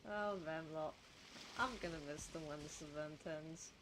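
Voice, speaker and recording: A woman's voice: low voice, moderate pace, background noise. A woman streaming a game with casual commentary, musing and thinking aloud. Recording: loud game music behind the voice. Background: game music.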